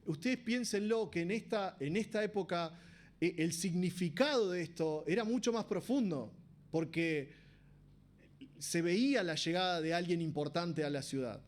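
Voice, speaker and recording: A man with an Argentine Spanish accent preaches a sermon in church, speaking conversationally and often putting rhetorical questions to the congregation. His voice is high-pitched and his pace moderate.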